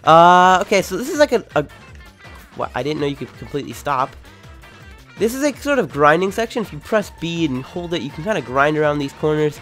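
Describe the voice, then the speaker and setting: A young man with a lisp giving casual, rambling, excitable and jokey commentary as he plays a video game. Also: on the high side, fairly quick. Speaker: video game let's play host. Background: video game music.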